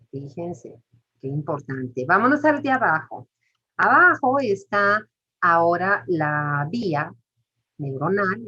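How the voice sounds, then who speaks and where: Husky, low-pitched woman lecturing; she explains step by step and quizzes the class. Dull recording. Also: a bit bright. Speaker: teacher. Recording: muffled lo-fi recording.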